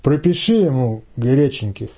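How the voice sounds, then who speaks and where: A man's voice: a little high, expressive, a little slow, warm tone, husky. A man voicing a cold blond teenage boy, leader of a camp gang, giving lazy, mumbled orders. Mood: commanding.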